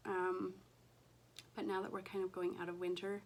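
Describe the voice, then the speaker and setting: A woman recovering from an illness chats casually to camera as a cross-stitch vlogger at home, gushing and slipping into soft whispers over her stitching. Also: fairly low pitch, little pitch movement, moderate pace, a little hiss or hum. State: recovering from illness, voice recently lost.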